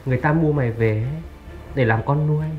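A man's voice: medium pitch, a little fast, phone-quality sound, soft background music, lightly acted. A man playing a sneering male villain. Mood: menacing. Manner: sneering, menacing, shouting. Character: cruel scheming male kidnapper and bully. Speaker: kidnapper villain, then rude customer. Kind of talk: web drama acting.

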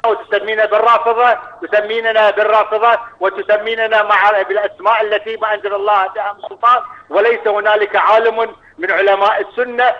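A man calling in to a show, arguing heatedly and lecturing, repeating himself, heard through a phone line. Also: sits high. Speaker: caller. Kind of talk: angry phone-in argument.

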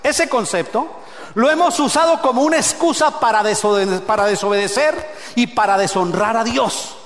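A man preaches in a church, his voice sitting high for a man. It rings through a roomy hall with long reverb. He jumps from shouted peaks down to low, hushed asides and keeps asking the congregation to repeat after him. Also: moderate pace. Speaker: pastor. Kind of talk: sermon. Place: church sanctuary.

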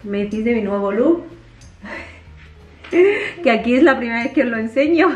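A chatty woman from with a high voice talks straight to her viewers in a casual home vlog. She stays animated and friendly, speaking from her kitchen. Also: quick pace, faint music behind. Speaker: vlogger.

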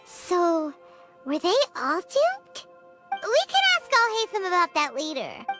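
A woman voicing a tiny childlike fairy companion in an anime game, squeaky and earnest, speaking of herself in the third person. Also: wildly swooping pitch, takes it slowly, music in the background, heavily acted. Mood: casual. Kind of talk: anime video game voice acting.

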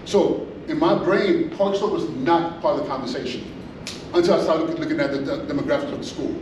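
In a big hotel meeting room, a distant camera with no mic picks up an echoey, noisy recording of a middle-aged man speaking a little high and fairly quick. He's a school principal from Inglewood, California, delivering a lively conference talk with lots of fillers and restarts.

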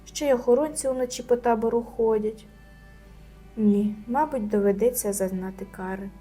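A woman's voice: fairly high pitch, moderate pace, dark tone, breathy edge, faint music behind. Woman doing a stubborn, proud young schoolgirl. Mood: worried musing. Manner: indignant, musing to herself.

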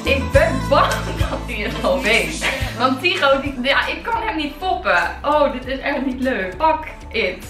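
A woman's voice: sits high, very animated, unhurried, hardly any pauses, distant mic. A teenage Dutch girl vlogging casually, giggly and nervous as she pranks people by text, often swearing. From Netherlands. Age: teens. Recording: roomy, from the mic, music behind.

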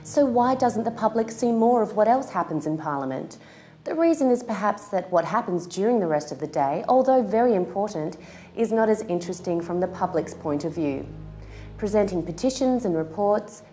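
A woman giving scripted documentary narration in a measured, explanatory way. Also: mid-range voice, animated, warm tone, faint music behind.

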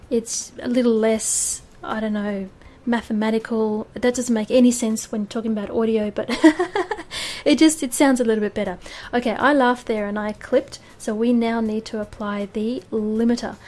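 A woman's voice: a little high, a little mellow. A woman hosting a casual streaming tutorial, chatty and laughing at herself, on a desk microphone. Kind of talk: casual screen-recorded tutorial. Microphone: desk microphone with audio filters. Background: fan hum and birds.

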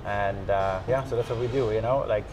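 Calm German-accented chef, low voice. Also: male voice, fairly quick, a little hiss or hum, rough recording. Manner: calm, frequent "uh" and "you know" fillers. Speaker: executive chef. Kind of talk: casual interview. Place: restaurant booth indoors.

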